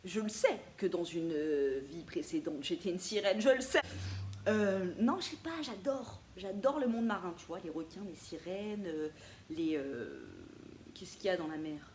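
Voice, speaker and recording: A thrift haul vlogger with a voice on the low side talks at a moderate pace, chatting playfully to viewers about her vintage finds. Animated and full of laughter and playful asides, she's recorded in an echoey room with faint background noise.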